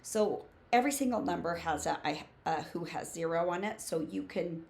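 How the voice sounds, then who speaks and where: Woman in her fifties, gravelly creak, slightly low pitch, emphatic teaching coach, casual instructional talk. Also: lively intonation, moderate pace, a little mellow. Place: small home room with bookshelves.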